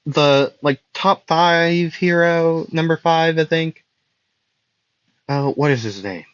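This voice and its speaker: A man's voice: on the high side, takes it slowly, clean tone, no room sound. Rambling young man telling a story. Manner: rambling, full of fillers and self-corrections. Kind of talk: improvised fan-fiction narration. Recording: dull lo-fi dry recording.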